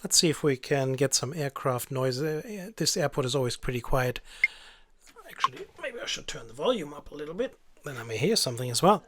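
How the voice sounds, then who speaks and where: A man's voice: medium pitch, animated, a little fast, a bit bright. A man hosting a casual live game stream, commentating and giving instructions as an air traffic controller.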